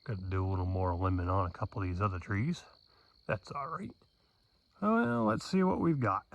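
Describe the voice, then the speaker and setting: A homesteader and amateur radio operator vlogs in a casual, folksy way, explaining things as he goes. His voice is lowish and animated, at a normal speed, in a dry recording.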